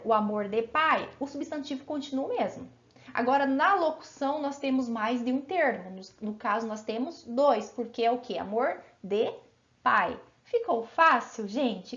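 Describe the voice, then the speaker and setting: Woman teacher, high voice, encouraging classroom delivery, dull lo-fi sound. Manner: encouraging, asks pupils frequent check-in questions; stretches out example words slowly. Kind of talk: grammar lesson for children.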